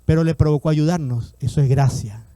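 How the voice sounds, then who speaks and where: A man's voice: on the high side, brisk, dark tone, dry recording. A male pastor preaching an emphatic sermon, calling on the congregation to repeat his words and acting out the voices in his stories. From Latin America. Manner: emphatic, repeats lines and calls on the congregation to respond.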